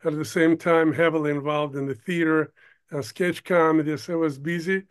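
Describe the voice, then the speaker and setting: An older man from Ukraine, a producer, talking as an interview guest in a halting way, stopping often to search for words. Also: fairly high pitch, steady tone, clear, resonant tone. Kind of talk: casual interview talk.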